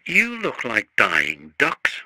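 A man's voice: medium pitch, huge pitch swings, takes it slowly, bright, forceful tone, no echo, pitched above the performer's own voice, exaggerated voice, low-quality recording. Man playing a teasing, kindly engine driver. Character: good-humoured male engine driver.

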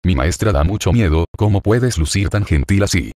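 A man's voice: low-pitched, expressive, moderate pace, a little mellow, no echo, clean studio sound. A man voicing a flustered young female ninja apprentice.

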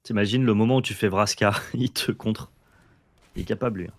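A man's voice: on the low side, steady tone, fairly quick. A man co-hosting a card game video, bantering and joking as he comments on the plays. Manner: jokey, banters, apologizes playfully. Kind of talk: casual gameplay chat.

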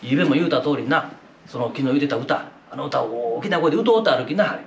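A man voicing a sharp-tongued, exasperated Osaka wife who scolds and nags her husband, with an Osaka accent. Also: medium pitch, expressive, fast talker, vocal fry, lo-fi sound, a little hiss or hum, pitched below the performer's own voice. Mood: bossy. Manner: scolding, nagging. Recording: roomy echoey room.

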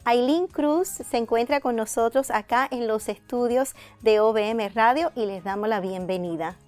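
A woman's voice: fairly high pitch, normal speed, darkish tone. A middle-aged woman hosting an interview programme in an effusive, complimentary way. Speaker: host. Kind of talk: scripted-sounding programme introduction and interview. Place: indoor radio and TV studio set. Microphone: lapel mic.

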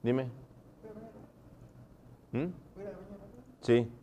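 A man's voice: medium pitch, little pitch movement, very slow, warm tone, a little hiss or hum. A man teaching a live online class, often stopping to check that his students are following.

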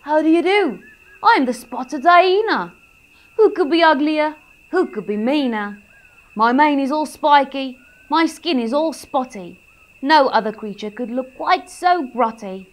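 A woman voicing a mean, boastful spotted hyena who brags loudly about being ugly. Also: high-pitched, expressive, measured pace, voice pushed up. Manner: proud, showy boasting.

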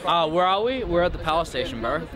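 A man's voice: on the high side, animated, quick pace. A man with a New Zealand accent chatting emphatically and casually in a street interview. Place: outdoors on a city street at dusk. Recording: busy crowd behind, handheld street camera.

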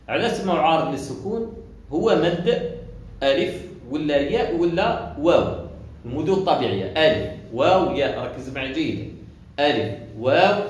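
A man teaches Quran recitation in a slightly raised voice. He draws out each example sound slowly before explaining in quick bursts. The room is very echoey. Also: a little high. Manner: slow drawn-out demonstration of sounds, then quick explanations.

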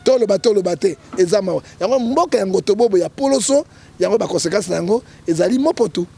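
A man's voice: high-pitched, lively intonation, fast, vocal fry, warm tone, slightly rough. A man with a Congolese accent, a prophet guest giving emphatic political commentary in an interview, often checking in with his listener and quoting scripture. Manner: emphatic, keeps checking with "hein?", quotes scripture.

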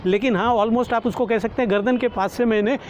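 Speaking a little fast in a steady, notably high voice, a middle-aged man explains things for his kite-flying vlog as though chatting with friends. He's outdoors on an open rooftop, wearing a clip-on lapel mic, with faint city and vehicle noise behind him.

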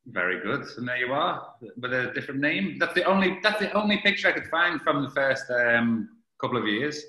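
Bright-voiced guy chatting away, asks questions, laughs a lot, echoey room. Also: mid-range voice, big pitch swings. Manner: chatty, quick bursts, laughs often. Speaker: interviewer. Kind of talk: casual interview chat.

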